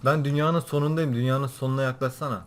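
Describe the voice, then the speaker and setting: A young man playing a video game with a friend, excitable and loud, swearing and laughing in casual chat. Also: mid-range voice, fast. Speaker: gamer.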